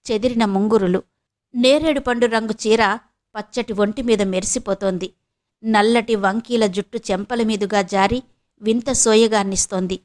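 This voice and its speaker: A woman from India narrates a spoken novel, calm and measured between dialogue scenes. Her voice is on the higher side and soft in level, an even storytelling read. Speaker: audiobook narrator. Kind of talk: scripted audio novel narration.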